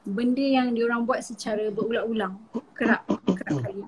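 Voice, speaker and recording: Brief: Malaysian mum, chatty and slightly high-voiced, casual call with faint hiss. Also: female voice, steady tone, normal speed. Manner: chatty, mixes English words, many fillers. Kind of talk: live-streamed interview, casual explanation.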